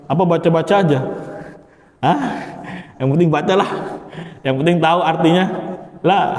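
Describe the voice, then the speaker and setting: Arabic grammar teacher quizzing his class in a mosque. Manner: quizzing, drops to low soft answers after rising questions. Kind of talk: classroom lecture with call-and-response questions. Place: mosque hall. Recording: roomy hall reverb.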